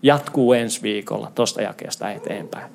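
A man preaching a lively sermon, reading scripture aloud and retelling it with jokes and asides. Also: on the low side, creaky. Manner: animated, joking, mixes in English.

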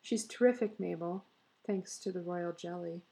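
A stubborn husband who brushes off his wife's fears, as a woman reads him in a storybook. He talks in a lower, quieter, flatter voice with a gravelly edge. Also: moderate pace. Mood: dismissive. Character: stubborn, dismissive husband and father.

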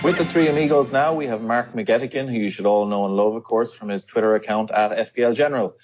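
A man's voice: medium pitch, steady tone, quick pace, darkish tone, soft background music, low-quality recording. A man hosting a podcast, asking a guest questions in a casual interview style. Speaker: podcast host.

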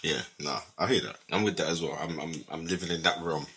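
A young man with a London roadman accent, multicultural street English, hosts a podcast and chats casually in heavy street slang. His voice is very deep, husky and sharp, and he talks fast.

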